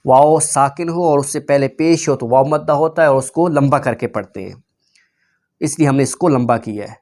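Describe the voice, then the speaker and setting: A man with a Pakistani Urdu accent and a slightly high voice teaches recitation to his students. He draws the verses out slowly and carefully, then explains each rule in quick, plain speech. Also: darkish tone. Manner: slow drawn-out recitation between quick explanations. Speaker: religious teacher.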